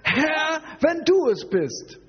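A preacher mimicking a whiny doubting apostle. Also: male voice, sing-song, long reverb tail, muffled recording, full character voice. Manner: slow, drawn-out, high whiny delivery. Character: pleading doubtful male apostle Peter. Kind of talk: mocking re-enactment in a sermon.

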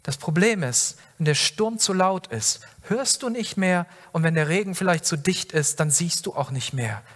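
A man's voice: sits high, animated, normal speed. Earnest preaching man in a reverberant hall. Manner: earnest, direct address to the listener with rhetorical questions. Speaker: pastor. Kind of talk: sermon.

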